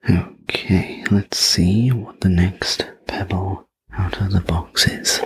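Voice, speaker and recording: A breathy, gently soothing whispered role-play in the manner of a sleep story narrator, guiding the listener through relaxation. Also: deep voice, fairly even intonation, takes it slowly.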